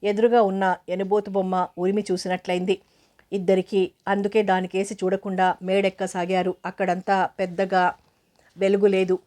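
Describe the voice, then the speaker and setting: A woman narrating an audio novel in a steady, even storytelling manner. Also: medium pitch, moderate pace.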